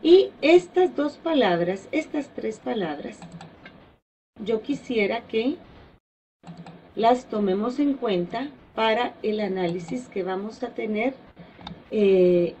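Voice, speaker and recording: A woman teaching a slide-based spelling lesson, slow and deliberate, drawing out example words and stressing each syllable. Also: on the high side, expressive, dark tone, slight background noise, poor audio.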